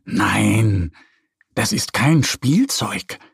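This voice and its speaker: A man's voice: on the low side, expressive, very slow, creaky, husky, no room sound, pitched below the performer's own voice, full character voice. Man voicing a caring mother bear. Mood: gentle. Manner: gently explaining.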